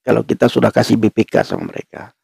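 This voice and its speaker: A man preaching a humorous testimony to a church audience, animated and acting out back-and-forth dialogues. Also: lowish voice, fast talker, vocal fry, husky, no echo, clean studio sound.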